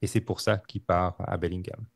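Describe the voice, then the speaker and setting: A man telling a true-crime story on a podcast, halting with many fillers and restarts. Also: low-pitched, steady tone, gravelly, no room sound, clean studio sound. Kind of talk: casual storytelling.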